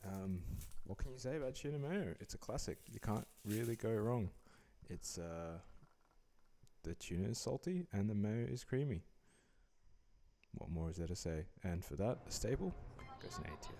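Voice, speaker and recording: A young man giving relaxed, dryly joking voice-over commentary as he rates food. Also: on the low side, normal speed, slight background noise. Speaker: vlogger rating food.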